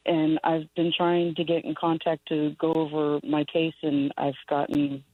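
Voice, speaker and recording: A woman caller speaks with very little pitch movement, recounting her own situation casually. She comes through a narrow, phone-like line with a dry sound. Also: level tone, measured pace, no room sound. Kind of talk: casual personal account.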